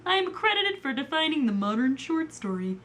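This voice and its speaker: A young adult woman reads a writer's biography aloud in the first person. Her voice is high. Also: sing-song, fairly quick, fairly bright tone. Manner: reads in character as a historical writer. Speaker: student presenter.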